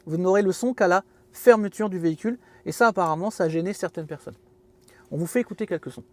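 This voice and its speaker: High-voiced man chatting from his car. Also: fast talker. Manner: chatty, joking, self-mocking asides. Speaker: car video host. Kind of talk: casual product walkthrough. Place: inside a parked car.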